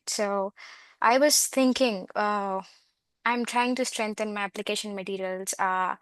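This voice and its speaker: Slow, smooth young woman from the US. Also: mid-range voice, a bit bright, no room sound. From United States. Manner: hesitant, with many "uh"s. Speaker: job seeker. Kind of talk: asking a question on a webinar. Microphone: video call mic.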